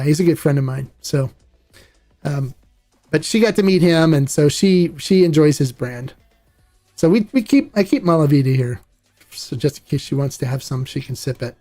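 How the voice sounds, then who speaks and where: A man's voice: fairly high pitch, darkish tone. A man hosting a podcast, chatting in a rambling, enthusiastic and playful way. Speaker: podcast host. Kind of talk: casual chat.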